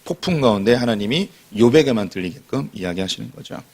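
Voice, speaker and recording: A man's voice: mid-range voice, animated, fast talker, a little mellow. Man preaching a chatty, informal sermon. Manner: conversational, informal, repeats himself often. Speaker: pastor.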